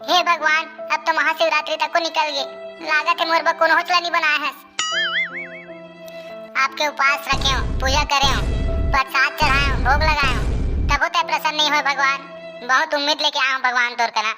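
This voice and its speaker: An earnest young bachelor, voiced by a woman, pleads in a high, comic voice with a Chhattisgarhi accent. Loud music plays under the cartoon dialogue throughout. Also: flat delivery, normal speed, natural voice. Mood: pleading. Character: young man desperate to marry, earnest. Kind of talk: cartoon voice acting. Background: background music.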